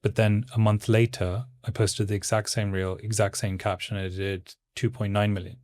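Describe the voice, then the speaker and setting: A man speaking as a guest in a casual interview, with a stoic, calm, monotone delivery. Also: on the low side, dry recording, clean studio sound. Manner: stoic, measured. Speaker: guest, content creator.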